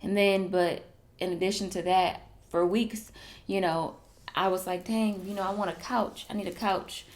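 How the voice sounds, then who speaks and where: A woman's voice: medium pitch, fairly even intonation, normal speed. A young pregnant woman talking heartfelt and emotional to her viewers in a personal vlog, often saying "you guys" and "literally.". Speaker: vlogger.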